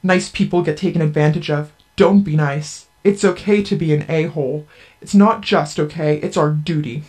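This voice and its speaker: Electronically disguised voice, anonymous radio guest, earnest, measured, mid pitch. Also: steady tone, darkish tone. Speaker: anonymous guest, group member. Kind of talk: radio interview.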